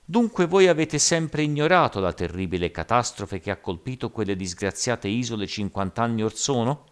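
A man voicing a stern older sea captain, explaining things in a measured way, in an audiobook reading. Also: medium pitch, animated, clean tone, voice pushed up, natural voice.

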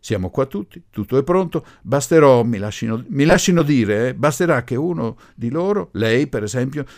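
A man voicing a forceful middle-aged professor who speaks loudly and imperiously. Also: mid-range voice, animated, normal speed, voice pushed up, close to an everyday voice. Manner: imperious, insistent, loud.

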